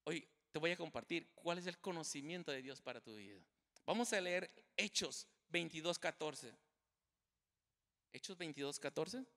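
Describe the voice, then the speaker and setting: A man preaches to his congregation in a high, ringing voice, stressing and repeating his key lines. His words carry a long reverb off the walls of a church sanctuary. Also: expressive, normal speed, sharp tone. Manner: emphatic, repeats key phrases, addresses the congregation directly. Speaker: pastor. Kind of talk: preaching a sermon.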